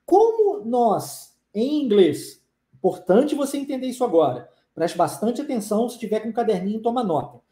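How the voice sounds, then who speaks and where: A woman's voice: a little high, very animated, normal speed, mellow, roomy sound. A woman with a Brazilian Portuguese accent teaches English in a live-stream lesson, reading out viewer comments, upbeat and repeating phrases for students to drill.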